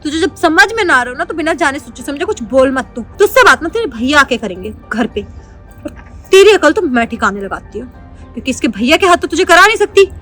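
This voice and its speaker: A woman's voice: sits high, sing-song, fairly quick, sharp tone, faint music behind, heavily acted. A woman acting a stern, protective elder sister-in-law who scolds and lectures. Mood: angry lecturing. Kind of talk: web sketch acting.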